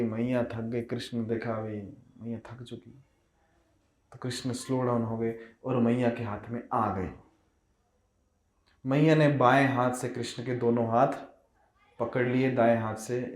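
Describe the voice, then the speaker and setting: A man's voice: mid-range voice, a little mellow. A man telling a devotional story in a sermon, expressively, with many rhetorical questions. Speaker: devotional speaker. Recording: roomy echo.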